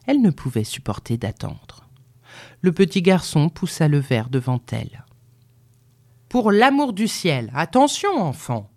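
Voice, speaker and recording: Slow, expressive woman reading a novel. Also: sits low, no room sound. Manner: unhurried, expressive storytelling. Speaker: audiobook reader.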